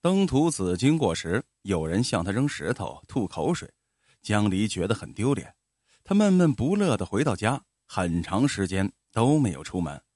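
A man narrating a folk tale in an expressive storytelling manner. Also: fairly low pitch, normal speed, no room sound, clean studio sound.

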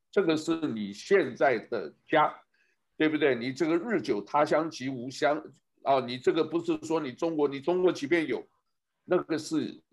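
A man's voice: medium pitch, a little mellow, highs cut off. A man giving a rambling casual commentary, speaking to his listeners and asking them one rhetorical question after another.

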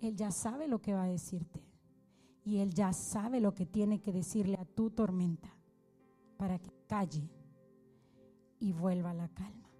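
A woman's voice: mid-range voice, a little slow, pauses often, dark tone, soft background music. A woman preacher giving a sermon in a conversational way, asking rhetorical questions and building to fervent appeals.

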